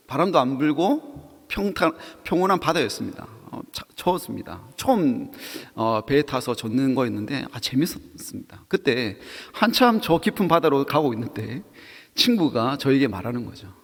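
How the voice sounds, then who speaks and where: A man's voice: mid-range voice, sing-song, normal speed, vocal fry, big-room sound. A man preaching a sermon to young adults, telling a story with acted quotes and questions to the audience. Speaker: pastor.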